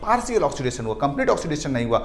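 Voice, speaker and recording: Male biology tutor, high voice, drawls key terms, rhetorical Q&A style. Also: big pitch swings, faint music behind. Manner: asks questions and answers them himself; mixes in English terms, stretches key words slowly. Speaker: biology teacher. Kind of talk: exam-prep lecture over slides.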